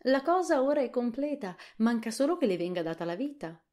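A woman voicing an admiring, grand-sounding male bug in a soft whispered role-play audiobook. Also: on the high side, sing-song, fairly quick, pitched above the performer's own voice.

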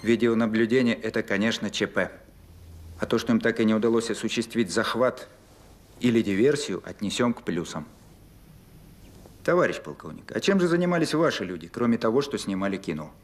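A man playing a stern senior military officer in a film, measured and sardonic. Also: lowish voice, lively intonation. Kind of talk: film acting.

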